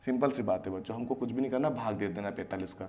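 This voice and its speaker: A man's voice: on the low side, quick pace, a little mellow. A man teaching a math lesson to children, explaining step by step and answering his own questions. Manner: explains step by step, often asks and answers himself; addresses students as children, repeats key phrases.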